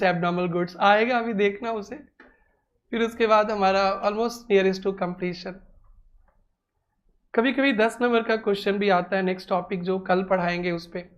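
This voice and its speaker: A man's voice: sits high, a bit bright, lo-fi sound. A man teaching an accounting class to students in a classroom, coaxing answers and repeating prompts. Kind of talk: classroom lecture.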